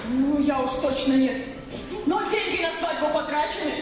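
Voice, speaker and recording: An actress playing a brash, coquettish, indignant bride in a stage operetta, exclaiming theatrically to the hall. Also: female voice, sits high, normal speed, natural voice. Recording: echoey theatre recorded from far off, music behind.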